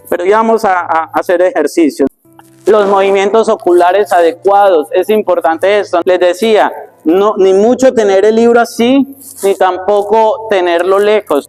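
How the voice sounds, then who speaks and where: A priest, teaching a workshop for church readers and often checking in with rhetorical questions. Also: male voice, high-pitched, darkish tone. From Colombia. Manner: explanatory, asks the audience rhetorical questions.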